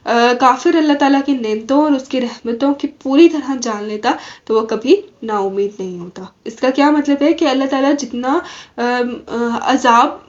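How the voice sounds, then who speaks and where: A woman teaching a Quran commentary class, explaining slowly and asking questions that she then answers herself. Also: sits high, lo-fi sound. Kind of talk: recorded religious lesson.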